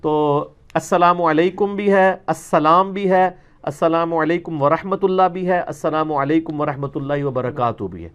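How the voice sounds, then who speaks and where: A man with a Pakistani Punjabi accent gives an informal religious question-and-answer talk, explaining emphatically in colloquial speech and checking that the listener follows. His voice is fairly high-pitched and clean.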